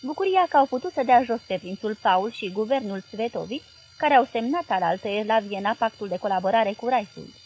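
Female audiobook narrator, literary novel, expressive, a touch high-pitched. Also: low-quality recording.

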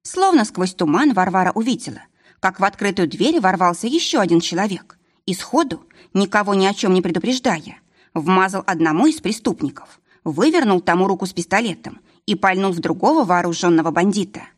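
A woman narrating a novel as an audiobook with steady, even storytelling. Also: mid-range voice, fairly quick. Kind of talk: scripted narration.

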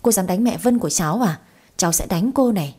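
A woman voicing a bold, cheeky little girl who talks back quickly. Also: medium pitch, expressive, warm tone, slightly rough. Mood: feisty.

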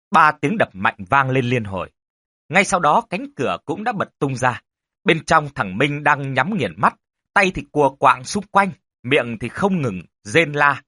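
A man narrating a ghost story in a dramatic, expressive way. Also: mid-range voice, slightly rough, no echo, clean studio sound.

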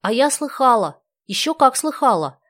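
A woman voicing an eager, excitable young girl in a storybook reading, pleading and quick to beg. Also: fairly high pitch, no room sound, clean studio sound, voice pushed up.

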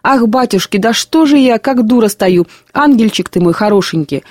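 Woman doing a shrill, gushing plump matron. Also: expressive, moderate pace, a little mellow, no room sound, clean studio sound. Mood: tearful gushing. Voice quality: shrill thin voice. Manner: exclamatory, gushing, tearful. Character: plump emotional woman, tearful and fussing.

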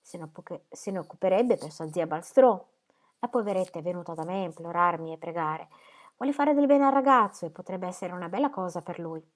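A woman voicing a calm, caring older father who speaks gently and warns kindly, in an audiobook reading. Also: lowish voice, fairly quick, close to an everyday voice.

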